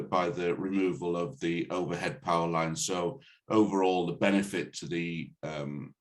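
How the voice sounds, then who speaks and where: A man speaking as a planning officer, presenting a formal report on a video call in a halting, hesitant way with repeated false starts. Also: deep voice. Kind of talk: formal report and answers at a meeting. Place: online video meeting.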